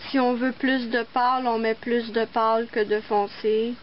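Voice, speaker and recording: A woman's voice: fairly high pitch, flat delivery, normal speed, lo-fi sound, slight background noise. A woman hosting a casual nail art tutorial, chatting and explaining each step as she works. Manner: chatty, explains while working.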